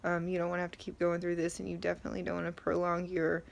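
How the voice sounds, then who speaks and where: Low, flat-toned woman, sore after tonsil surgery. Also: rapid-fire, creaky. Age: middle-aged. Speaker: vlogger. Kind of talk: casual talk to camera about recovery.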